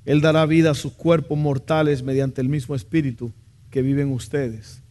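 A man's voice: medium pitch, steady tone, moderate pace, dark tone. A man preaching a sermon in a church, impassioned and asking the congregation questions. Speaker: pastor.

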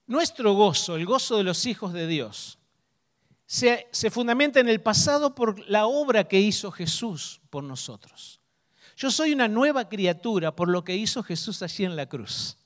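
High-voiced preacher in an echoing hall. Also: male voice, expressive, a bit bright. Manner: asks the congregation questions, emphatic slow stresses. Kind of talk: sermon.

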